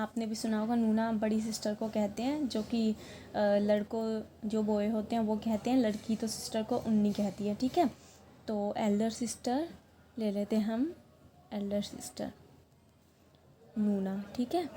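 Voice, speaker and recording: Young woman teacher, kinda high voice, patient, goes over each word slow, bit of faint hiss. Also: warm tone. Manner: patient, repeats words slowly and checks in with "okay". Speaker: Korean language teacher. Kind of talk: online language lesson, writing on a board.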